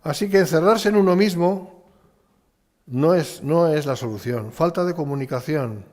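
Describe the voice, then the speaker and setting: A man's voice: a little high, moderate pace, a little mellow. A man preaching a conversational sermon, asking rhetorical questions and acting out short exchanges. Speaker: pastor. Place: church hall. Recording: church hall with long reverb.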